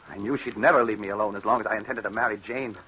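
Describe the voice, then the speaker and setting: Speaking very fast in a steady, sharp, husky voice on the low side, a man acts out a 1940s radio drama role. His character is haunted and fearful, tormented by a ghostly cat-woman, and he stammers under strain with melodramatic intensity in a grim, haunted mood. The low-quality recording comes from a hissy old radio broadcast.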